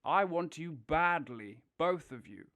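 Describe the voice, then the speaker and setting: A man voicing a boastful, excitable, wealthy male toad who exclaims grandly. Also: on the high side, slow pace, heavily acted. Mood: excited. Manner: bombastic, exclaiming.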